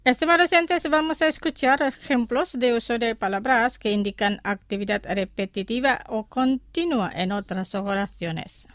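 A woman hosting a language lesson, saying each vocabulary word twice slowly and clearly so listeners can repeat it. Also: fairly high pitch, a bit bright, soft background music. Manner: slow, deliberate, says each word twice. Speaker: language teacher and host.

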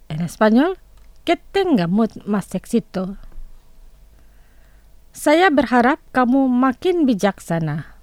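A woman hosting a radio language lesson, speaking slowly and carefully and repeating each word twice for listeners. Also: fairly high pitch, darkish tone, dry recording.

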